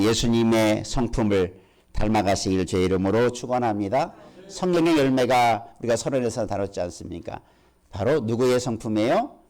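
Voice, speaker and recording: A man's voice: medium pitch, a little mellow. A male pastor delivers a sermon in a mid-range voice. He puts questions to the congregation and lets his voice climb sharply to emphatic peaks before settling back down.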